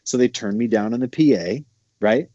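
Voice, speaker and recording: Man, mellow dark tone, casual rambling talk, dry muffled call audio. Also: medium pitch, moderate pace, no echo. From Montana. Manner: loose, rambling storytelling with many fillers. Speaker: guest, bass player. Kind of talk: casual conversation.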